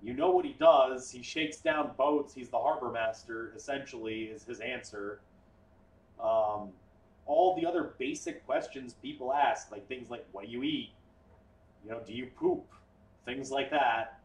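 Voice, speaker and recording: A man's voice: mid-range voice, unhurried. A man acting as game master, narrating a tabletop game in a casual, explaining way. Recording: echoey room, far from the mic.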